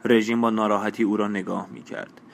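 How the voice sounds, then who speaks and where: A man reads a novel aloud in a steady, measured way, stopping now and then for a short casual aside. His voice sits low. A faint hiss of noise runs under the recording. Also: gravelly. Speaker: audiobook narrator. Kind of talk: novel reading with brief asides.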